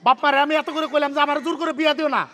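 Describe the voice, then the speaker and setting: A jealous bachelor buddy who whines in rustic colloquial speech. His voice is very high and bright, and he rattles along at a racing pace. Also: little pitch movement, rapid-fire. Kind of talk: comic television drama acting.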